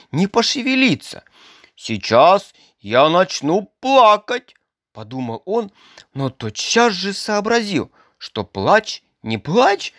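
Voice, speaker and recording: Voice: medium pitch, a bit bright, dry recording, studio quality. A narrator reading a children's story aloud with expression.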